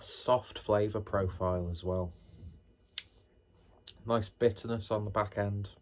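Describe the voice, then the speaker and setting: Low-voiced man, casual beer reviewer. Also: fairly even intonation, slow pace. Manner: musing, self-deprecating, chatty asides. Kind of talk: casual tasting review to viewers.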